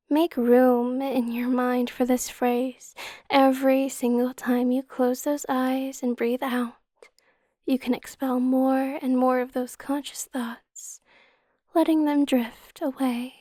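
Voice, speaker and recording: A woman guiding a hypnotic induction in a slow, soothing hypnotist manner, with a soft, breathy, half-whispered ASMR delivery. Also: high voice, no room sound, studio quality. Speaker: hypnotist guide.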